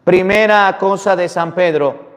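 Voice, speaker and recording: A fairly high-voiced man preaching as a priest, his delivery swinging between loud emphasis and hushed asides. The sound carries a long reverb from a big hall. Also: unhurried, lo-fi sound. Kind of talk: sermon with readers' greetings.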